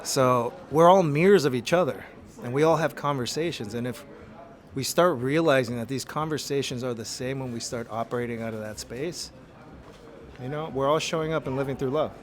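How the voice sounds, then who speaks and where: A man's voice: mid-range voice, brisk. A man from Los Angeles, an artist giving an earnest, motivational interview about his work. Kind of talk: reflective interview talk. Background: music.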